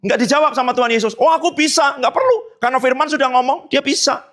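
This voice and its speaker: A high-voiced male pastor preaching to his church. He talks in a lively way, asks the congregation questions and reads scripture aloud. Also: fast talker. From Indonesia. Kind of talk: sermon. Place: church hall.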